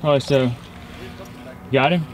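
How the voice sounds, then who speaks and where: A man's voice: medium pitch, steady tone, normal speed, background noise. A young man hosting a fishing vlog from a boat at night, chatty and upbeat as he shows off his catches. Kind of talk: casual outdoor narration. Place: small boat on a lake at night, outdoors. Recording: music mixed in clearly.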